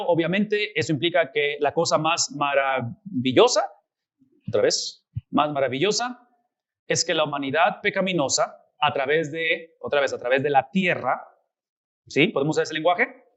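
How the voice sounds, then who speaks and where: A man leads a Bible lesson in a slightly high voice. He talks with animated energy and keeps turning to the class with rhetorical questions. His tone is that of a teacher working through a passage with students. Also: low-quality recording.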